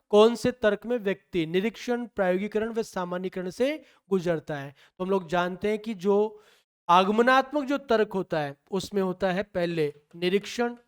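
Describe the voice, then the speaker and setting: A man a high, smooth, clear voice goes through a psychology test paper question by question. He poses each question aloud, answers it himself and repeats the key for emphasis. He speaks in. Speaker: teacher solving a test paper. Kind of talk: exam-prep lecture.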